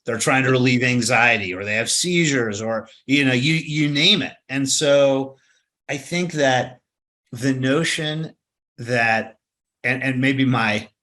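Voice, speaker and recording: A company executive appears as an interview guest, speaking slowly in a mid-range voice that is bright and forceful. He presses his points emphatically, repeats words, and often wraps them up with "right?"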